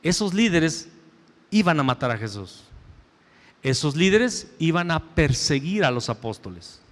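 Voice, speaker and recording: Emphatic preacher in a reverberant church. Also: male voice, very animated, measured pace. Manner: emphatic preaching, swinging between loud raised lines and hushed low asides. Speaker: pastor. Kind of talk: sermon. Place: church sanctuary.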